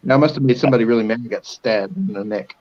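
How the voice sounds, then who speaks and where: A man's voice: medium pitch, fast talker, a little mellow. Offhand joking man, muffled audio. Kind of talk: casual chat.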